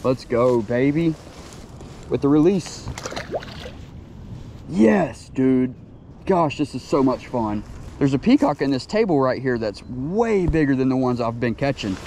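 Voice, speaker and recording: An excitable young fishing vlogger narrates his trip by a lake, chatting to the fish as he reels them in. His warm, mellow voice is medium-pitched and a little slow, with frequent pauses. A chest-mounted action camera records him outdoors, with faint wind hiss and ambience around him.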